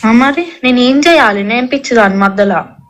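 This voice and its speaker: High-voiced young Telangana Telugu woman on phone. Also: moderate pace. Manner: talking over a phone call; colloquial, recounting others' words in direct quotes. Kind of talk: casual private phone conversation.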